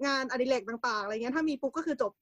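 A woman co-hosting a casual group chat over a call, chatty and lively, often cutting in on herself. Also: sits high, rapid-fire, no echo. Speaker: podcast co-host.

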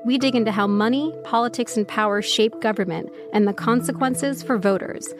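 A woman reads a scripted promo for her news podcast in a crisp, polished way. Her voice sits a little high. A clear music bed plays under her. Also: moderate pace. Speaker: podcast host in an ad.

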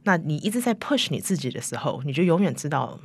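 Low-voiced woman, foreign-tinged Mandarin with English mixed in. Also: big pitch swings, quick pace, darkish tone, breathy edge, no echo. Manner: mixes English words and tags like "right" into Mandarin. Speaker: interview guest, company chief executive. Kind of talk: conversational interview answers. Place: recording studio.

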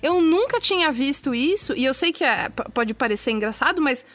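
A woman host telling a story in casual chat, animated and playful, slipping into quick impressions. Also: sits high.

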